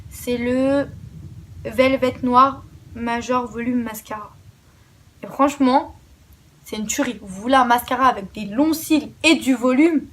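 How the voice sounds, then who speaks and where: A woman's voice: a little high, a little slow, a little hiss or hum. A young woman chatting casually through a makeup haul, enthusiastic and blunt, often repeating words and dropping the odd swear. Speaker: beauty vlogger.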